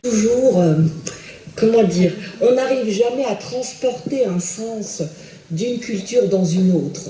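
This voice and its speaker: A middle-aged woman who teaches theology takes audience questions during a lecture in a school's attic hall, pausing, hesitating and restarting often as she thinks. Her slightly high voice is warm and slow, and the distant recording carries the hall's echo.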